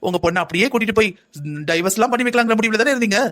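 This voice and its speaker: A man's voice: high-pitched, rapid-fire, a bit bright. A man voicing a family quarrel in a cartoon drama, talking in a heated, argumentative way. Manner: heated, argumentative back-and-forth. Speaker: cartoon voice actor playing a whole family.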